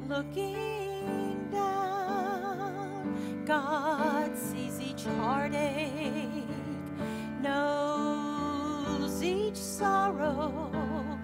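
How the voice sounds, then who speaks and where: A middle-aged woman, a church's minister of music, singing a slow, tender gospel solo in a large sanctuary. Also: high voice, steady tone. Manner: slow, tender singing over piano accompaniment.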